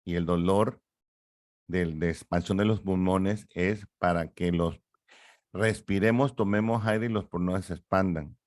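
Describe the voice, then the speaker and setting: A middle-aged man speaks in a lowish voice, lecturing with lively rhetorical questions. The sound is close and dry, with no room echo. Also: measured pace. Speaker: psychologist guest. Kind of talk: explanatory interview talk.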